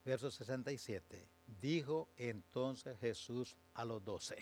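A male pastor preaching a sermon, moving from measured explanation to slow, emphatic, fervent declarations. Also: medium pitch, darkish tone, slight background noise.

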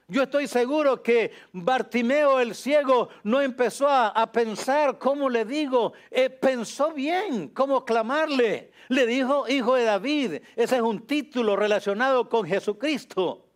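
A man preaching a sermon in an emphatic way, repeating key phrases and often dropping to a low, soft voice.

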